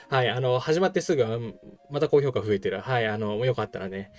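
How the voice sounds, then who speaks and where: A man's voice: mid-range voice, a little fast, soft background music. A man hosting a game livestream, giving casual commentary on game news to his viewers. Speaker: game live streamer and host.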